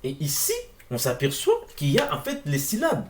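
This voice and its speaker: With a high-side voice and huge pitch swings, a man delivers an informal explanatory video lecture over on-screen text at a moderate pace. He poses questions directly to viewers and often repeats words while searching for them. A little hiss or hum is audible.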